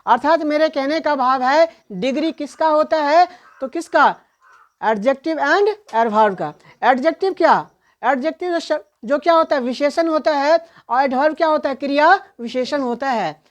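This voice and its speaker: A woman teaching an online English grammar lesson, asking questions and answering them herself, and reading out English examples slowly. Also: sits high, highs cut off. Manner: explains in Hindi, reads English examples slowly.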